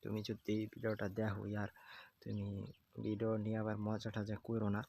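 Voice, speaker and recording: A man's voice: on the low side, completely flat delivery, a little fast, creaky, dark tone. Guy doing his first vlog outside, rambles a lot, keeps saying okay, old phone mic. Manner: rambling, repeats "okay?" often. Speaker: first-time vlogger. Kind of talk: casual outdoor vlog. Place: outdoors by fields in hot sun. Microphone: old handheld phone.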